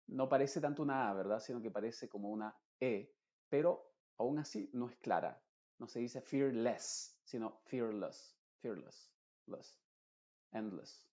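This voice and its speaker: A male teacher walks through pronunciation at an unhurried pace, stretching out and repeating each example word syllable by syllable. His voice sits at an ordinary middle pitch, and the recording sounds slightly dull and lo-fi. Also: mellow. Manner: slows down and repeats words syllable by syllable. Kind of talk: explanatory lesson with drawn-out example words.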